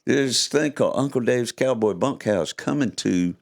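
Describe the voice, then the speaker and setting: This older man's gravelly, medium-pitched voice is expressive, moving at a normal speed as he hosts his podcast. He mixes casual chat with reading his own stories aloud, playful, folksy and chuckling.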